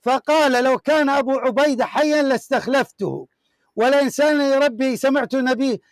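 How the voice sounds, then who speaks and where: High-voiced emphatic man. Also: a little fast, no room sound. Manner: emphatic, repetitive, declaiming. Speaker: show host debating a caller. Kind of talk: heated religious debate, reading from books on screen.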